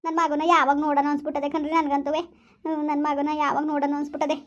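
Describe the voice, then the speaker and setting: A woman's voice: high voice, little pitch movement, rapid-fire, natural voice. A woman playing an anxious village wife who keeps asking after her lost son, in a pleading, repetitive way. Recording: dull lo-fi recording.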